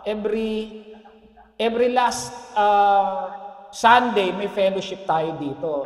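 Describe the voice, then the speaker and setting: High-voiced pastor preaching in an echoey hall. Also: male voice, slow. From Philippines. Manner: animated preaching, often asks the congregation "Amen?". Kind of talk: sermon. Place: church worship hall. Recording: echoey church hall with long reverb.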